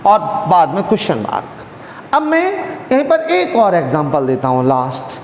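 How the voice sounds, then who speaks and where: A man teaching a classroom English grammar lesson who explains slowly, repeats words and asks the class questions. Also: on the high side, huge pitch swings, a little hiss or hum. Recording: echoey room with a long reverb.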